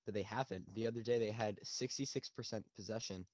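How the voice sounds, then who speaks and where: A man's voice: fairly low pitch, a little fast, darkish tone, no echo. A young man co-hosting a casual football chat, talking in a loose, rambling way with fillers and restarts. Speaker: podcast co-host. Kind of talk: casual sports analysis. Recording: dull lo-fi dry sound.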